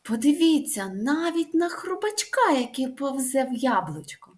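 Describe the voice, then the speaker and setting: A woman speech therapist giving a lively, sing-song lesson to young children, stretching out the vowel sounds. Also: sits high, a little slow.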